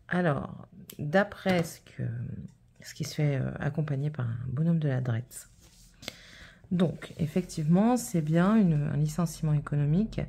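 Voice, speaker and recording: A woman's voice: low voice, vocal fry, dark tone, a little hiss or hum. A woman in her thirties chatting casually while stitching, telling a rambling story full of fillers. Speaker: vlogger.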